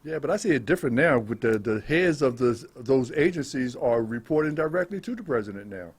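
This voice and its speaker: A man's voice: mid-range voice, animated, brisk, breathy edge. An American man hosting a radio show, interviewing casually and chiming in with short agreements.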